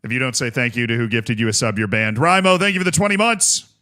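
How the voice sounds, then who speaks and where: A man hosting a casual gaming livestream, chatting playfully with viewers and giving exclamatory, jokey shout-outs. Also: medium pitch, quick pace. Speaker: live streamer host.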